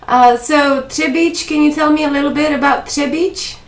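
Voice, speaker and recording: A woman who teaches English and hosts a video blog, presenting in a clear, measured way and asking interview questions. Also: high voice, steady tone, recorded from a distance. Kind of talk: scripted intro, then interview questions.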